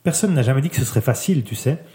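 A man reading a literary text aloud in a soft, measured way, letting his voice drop quieter at the ends of phrases. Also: mid-range voice, expressive. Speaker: reader. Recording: roomy echo.

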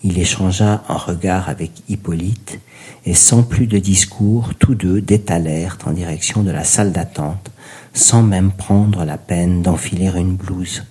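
Deep, dark-voiced male storyteller. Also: measured pace. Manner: theatrical, ornate storytelling with whispered asides. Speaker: narrator. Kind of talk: scripted narration of a story.

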